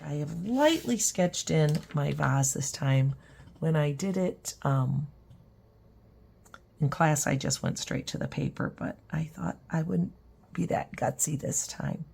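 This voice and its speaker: Raspy older woman hosting a painting demo. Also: low-pitched, animated, takes it slowly, a little mellow. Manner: chatty, rambling, with fillers. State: hoarse, lost voice. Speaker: art teacher and channel host.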